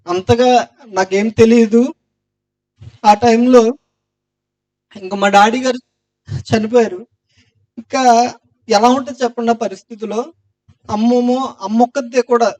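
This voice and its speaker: High-voiced man giving an earnest testimony. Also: steady tone, unhurried, long pauses. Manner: earnest storytelling, loud cries of Jesus' name. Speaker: testimony speaker.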